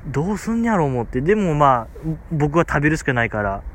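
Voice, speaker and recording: A man's voice: on the high side, very animated, fairly quick, slight background noise. A man with a Kansai accent who tells a casual story on a podcast, rambling with many fillers. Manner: rambling, filler-heavy, amused. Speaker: podcast host.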